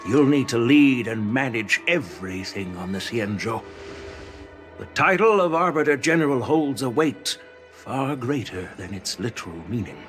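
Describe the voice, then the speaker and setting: For game voice acting, an older man plays a stern veteran general, wise and commanding. He speaks in a measured, lecturing way with a lively pitch.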